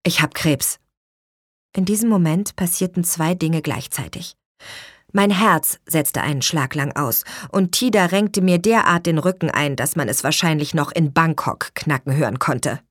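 A woman narrates a first-person audiobook in a low, husky voice. She tells the story vividly and voices the dialogue. The recording is close and dry. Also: normal speed, dry recording.

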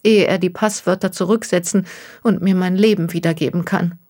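A woman's voice: on the low side, steady tone, a little fast, a little mellow, pitched above the performer's own voice, lightly acted. Woman voicing a distraught young woman near tears. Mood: explaining. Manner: pleading, close to tears. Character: young woman, distraught, stranded by a cruel hoax.

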